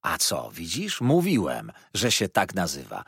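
A kindly old fisherman speaks in a deep, unhurried, affectionate murmur. A man puts him on in an audiobook. The voice is husky and the recording dry and close. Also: wildly swooping pitch, no echo, heavily acted. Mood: fond. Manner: warm, slow, low murmur.

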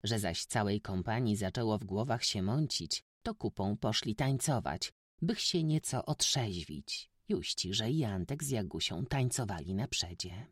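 A man reading a classic novel aloud as an audiobook narrator, in a steady, measured storytelling manner. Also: on the low side, no room sound, studio quality.

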